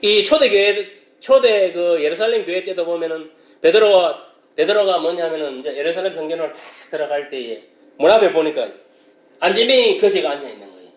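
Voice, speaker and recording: A man preaching a sermon as pastor, explaining a passage and now and then breaking into loud shouted exclamations. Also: a little high, animated, a little fast, reverberant.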